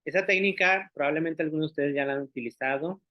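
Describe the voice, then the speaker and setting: A male teacher with a slightly high voice talks fast as he explains things to a group of teachers, pausing to confirm they're following and voicing sounds as examples. The tinny, phone-like recording is dry, with no echo.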